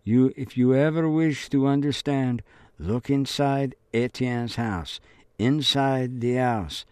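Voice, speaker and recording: A man's voice: mid-range voice, slow, a little mellow, smooth, no room sound, clean studio sound, voice pushed up, close to an everyday voice. A man voicing a loving father speaking to his daughter in a letter, tender and apologetic, in an audiobook.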